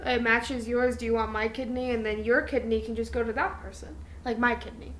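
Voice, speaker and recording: Speaking fairly quickly with fairly even intonation, this slightly high, somewhat bright-voiced young woman chats with a friend on their podcast, explaining things loosely and performing quotes as she goes. The room is echoey, with faint noise in the background.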